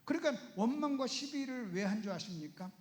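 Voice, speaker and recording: Pastor guy preaching in a church, really high voice, lots of rhetorical questions, echoey room. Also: lively intonation, a little fast. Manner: asks the audience rhetorical questions. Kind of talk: Bible seminar sermon. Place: church sanctuary. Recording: roomy church echo.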